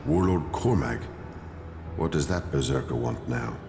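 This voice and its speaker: A stern cleric leader from a video game, low-voiced and formal, with a haughty edge. His words ring through a reverberant hall over clear background music. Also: lively intonation, a little slow, full character voice. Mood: stern, disdainful. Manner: formal, condescending.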